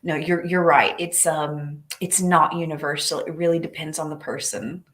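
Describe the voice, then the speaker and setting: A woman's voice: deep voice, steady tone, normal speed, fairly bright tone. A woman in her thirties hosting a casual online interview, upbeat and chatty, often restarting her sentences. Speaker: interview host.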